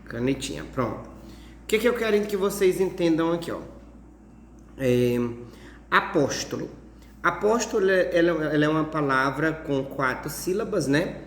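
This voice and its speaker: A Brazilian male teacher explains things patiently, circling back with plenty of fillers. His voice sits a little high. The room rings with echo and a long tail, and faint noise hums underneath. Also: expressive, measured pace, a bit bright. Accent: Brazilian Portuguese. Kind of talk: informal classroom lesson. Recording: echoey room with long reverb.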